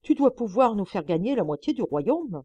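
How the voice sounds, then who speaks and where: A woman's voice: medium pitch, big pitch swings, moderate pace, mellow, breathy edge, dry recording, dull audio, pitched above the performer's own voice. A woman voicing a greedy, scheming male monk, grasping and pleading. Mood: eager.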